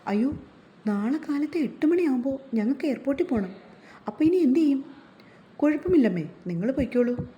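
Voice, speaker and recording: A woman's voice: high voice, lively intonation, brisk, long pauses, mellow, muffled recording, pitched above the performer's own voice. A woman voicing a fretful middle-aged mother who exclaims and worries in a read-aloud story.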